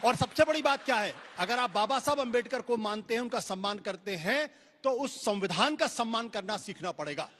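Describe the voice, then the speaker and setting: A man arguing forcefully as a panelist in a heated political debate, speaking over others. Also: very high voice, lively intonation, brisk, long reverb tail, slight background noise.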